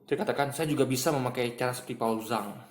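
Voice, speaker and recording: A man's voice: mid-range voice, fast talker, roomy sound. A man giving argumentative video commentary to his viewers, repeating himself and restarting often. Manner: repetitive, addresses viewers as "guys", many restarts. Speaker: commentator responding to online posts.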